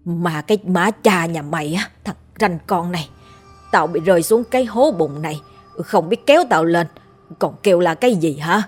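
A woman voicing a gruff old grandfather, a grave digger who scolds and curses coarsely. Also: on the low side, moderate pace, soft background music, natural voice. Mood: scolding.

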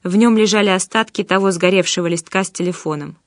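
A woman narrating an audiobook in an even, measured reading. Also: lowish voice, no room sound, clean studio sound. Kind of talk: scripted narration.

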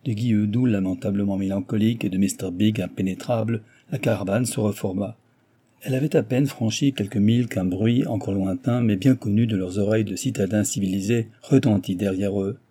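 A man narrating an audiobook in a measured, even reading. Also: fairly low pitch, breathy edge. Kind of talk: scripted narration.

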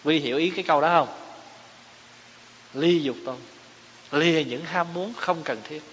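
A man's voice: fairly high pitch, unhurried, fairly bright tone. A man giving a Buddhist dharma talk, explaining terms and asking his listeners rhetorical questions. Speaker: Buddhist teacher. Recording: echoey hall, dull lo-fi sound, faint hiss.

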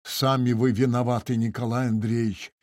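A man's voice: mid-range voice, little pitch movement, normal speed, a little mellow, no room sound, clean studio sound, natural voice. A man reading the part of a timid, poor young technician who mumbles and stammers. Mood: flustered, sighing. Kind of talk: audiobook character reading.

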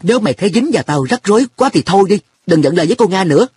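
A man's voice: fairly high pitch, very animated, moderate pace, slight background noise, pitched above the performer's own voice. A man voicing a carefree, teasing schoolboy in a storybook reading, with an offhand, blunt way of talking. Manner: offhand, blunt boyish talk. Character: boy An, carefree, teasing, money-minded.

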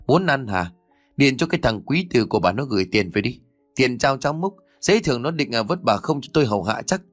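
A man voicing a cruel middle-aged daughter-in-law who scolds harshly and fast, in a lively reading. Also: medium pitch, no room sound, faint music behind. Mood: berating.

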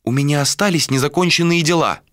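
A man reading an audiobook voices a young woman in a raised, softened voice. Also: a little high, fast, no room sound, studio quality, voice pushed up, close to an everyday voice. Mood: pleading. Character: young woman, torn and pleading.

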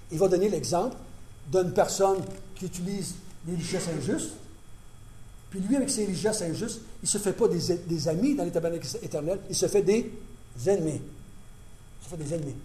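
A man's voice: a little high, lively intonation, brisk, mellow. A male preacher giving a conversational sermon with emphatic repetition.

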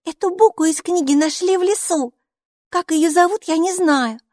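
A woman's voice: very high voice, normal speed, no room sound, studio quality, pitched above the performer's own voice. A woman voicing a cheerful, chatty six-year-old girl who keeps asking eager questions, in audiobook style. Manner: eager, excited, full of questions. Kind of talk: audiobook character voice.

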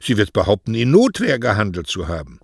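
A man's voice: lowish voice, wildly swooping pitch, brisk, creaky, a little mellow, breathy edge, no echo, clean studio sound, voice pushed up, heavily acted. A man voicing an aging male poet who talks in a theatrical, mocking, florid way.

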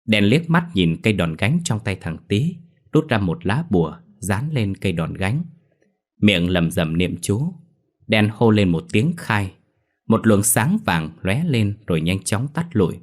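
A man reading a horror story aloud as its narrator. His voice sits low and his delivery stays steady and measured throughout.

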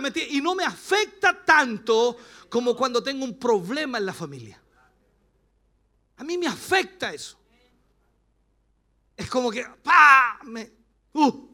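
A middle-aged man with a Chilean accent, preaching a sermon as pastor, passionate and rising to shouts. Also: very high-pitched.

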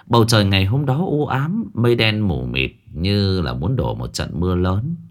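A man narrating a scripted ghost story in a dramatic storytelling manner, dropping his voice low for the eerie parts. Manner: dramatic, lively storytelling with sudden hushed drops.

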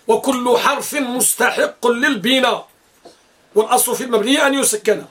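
Male grammar teacher, very high voice, quizzes the class and answers himself, chants rhymed rules. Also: moderate pace, a bit bright. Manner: poses questions and answers them himself, chants verses. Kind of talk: classroom lesson.

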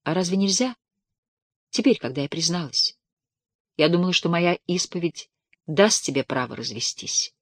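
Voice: medium pitch, animated, normal speed, long pauses, no echo, close to an everyday voice. A reader voicing a remorseful, pleading young woman in a dramatic audiobook reading, tearful and imploring.

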